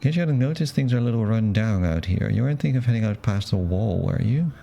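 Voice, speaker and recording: A man's voice: on the low side, expressive, fast talker, vocal fry, warm tone. A man voicing a blunt, sardonic female street food vendor in a game. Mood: warning.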